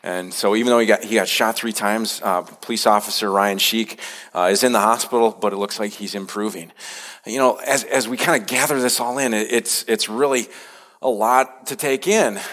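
A man preaching a conversational sermon as a pastor, animated when he acts out scripture. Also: mid-range voice. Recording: hall reverb.

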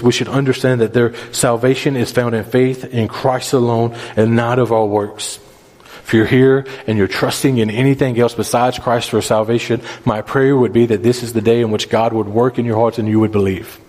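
In a reverberant hall, a man preaches a sermon, working through scripture verse by verse. His mid-range voice is a little mellow, and he speaks in an earnest, instructive way, repeating phrases for emphasis.

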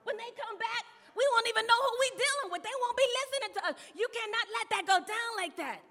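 A woman's voice: high-pitched, brisk, a bit bright, big-room sound. A woman preacher voicing a group of rowdy men who pressure a king in a pushy, incredulous way.

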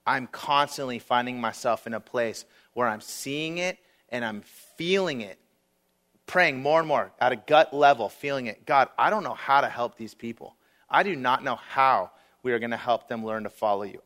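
A man's voice: medium pitch, fairly bright tone. A man preaching as a guest speaker, earnest and conversational, telling stories and acting out prayers with casual fillers. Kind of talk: sermon.

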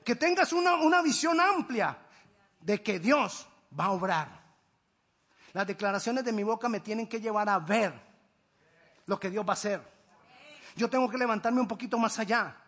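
A man preaching a sermon as a pastor, emphatic, swinging between loud declarations and hushed asides. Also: high-pitched, normal speed, pauses often.

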